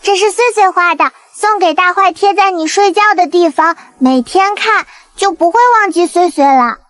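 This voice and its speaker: A woman voicing a sweet, clingy little girl in an animated drama, talking in cutesy baby talk and calling herself by name. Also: very high voice, normal speed. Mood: coaxing.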